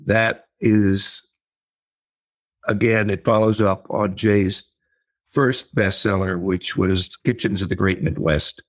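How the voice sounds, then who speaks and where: This is a casual interview with an older, low-voiced man who writes and teaches writing. Thoughtful yet faltering, he fills his speech with ums and repeated phrases.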